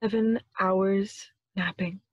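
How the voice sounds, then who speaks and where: A woman giving a dramatic reading of a parody carol with theatrical, deliberate phrasing. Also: medium pitch, steady tone, no room sound, dull audio.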